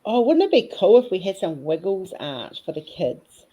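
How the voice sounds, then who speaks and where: A woman's voice: fairly low pitch, sing-song, normal speed, warm tone, slightly rough, lo-fi sound. A woman chatting casually and cheekily while she works on a craft project. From New Zealand. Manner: chatty and cheeky, rambling fondly. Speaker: craft vlogger. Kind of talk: casual chat while diamond painting.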